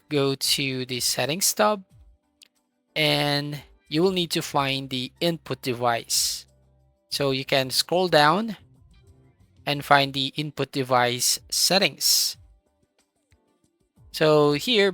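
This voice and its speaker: Speaking close to the microphone, this host teaches software one step at a time in an instructive manner. Her or his mid-range voice comes through with no room sound.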